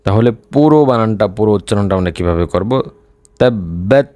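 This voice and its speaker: A man teaching Quran reading, spelling out syllables one by one and then reciting them slowly, with a Bangladeshi Bengali accent. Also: on the low side, lively intonation, mellow, dry recording.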